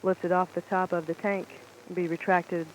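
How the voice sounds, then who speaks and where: A man's voice: high voice, flat delivery, moderate pace. A man making a live countdown announcement in mission control radio style, as a launch commentator. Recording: noisy archival mission control radio feed.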